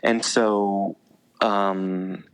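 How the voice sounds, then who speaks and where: Speaking very slowly in a fairly low, clear and resonant voice, a man in his thirties tells stories as a podcast guest. He's a veteran and teacher who keeps the chat easy and casual, laughing often and using plenty of fillers.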